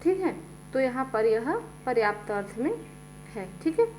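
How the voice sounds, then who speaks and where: A woman's voice: on the high side, sing-song, moderate pace, darkish tone, poor audio. A woman teacher explains a lesson step by step, often saying "ठीक है" as she goes. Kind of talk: slow classroom explanation. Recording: faint mains hum.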